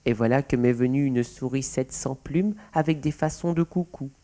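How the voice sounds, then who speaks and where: A man doing a soft-spoken fatherly blackbird. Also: mid-range voice, moderate pace, close to an everyday voice. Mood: tender. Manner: soft murmur. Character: gentle male blackbird, fatherly.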